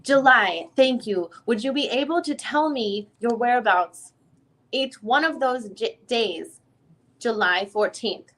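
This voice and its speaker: A woman reads a legal transcript dramatically, cast as a lawyer who questions a deposition witness in a formal, methodical, probing manner. She speaks slowly in a fairly high, somewhat bright voice.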